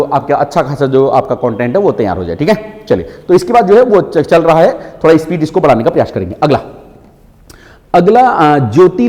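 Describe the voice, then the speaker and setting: A man teaching an online exam-prep class, answering students' doubts in an explanatory way and often checking that the point is clear. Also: on the high side, mellow, in a large hall. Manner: explanatory, repeats "ठीक है" often.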